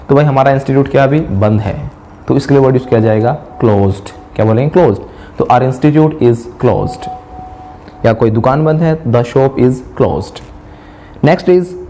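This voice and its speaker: A middle-aged man teaching spoken English, asking quiz questions and repeating each English sentence slowly. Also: mid-range voice, warm tone, slight background noise. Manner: asks the viewer rhetorical quiz questions.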